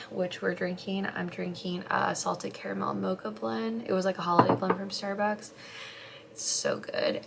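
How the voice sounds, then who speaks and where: Getting ready at home, a young woman who vlogs as a stay-at-home mom talks casually to camera, rambling and leaning heavily on "like." Her medium-pitched voice is slightly hoarse and congested from a recent illness, sometimes sinking to a soft near-whisper. There's a little hiss or hum in the recording.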